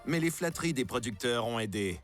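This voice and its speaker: A man giving measured, slightly ironic scripted narration for a documentary. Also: medium pitch, animated, soft background music.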